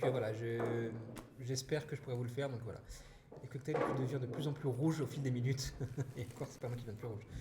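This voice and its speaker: A man hosting a casual live stream, chatting with viewers and reading their messages aloud, with many restarts and "voilà" fillers. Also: mid-range voice. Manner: chatty and warm toward chat, frequent restarts and "voilà". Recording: roomy echo with loud background noise.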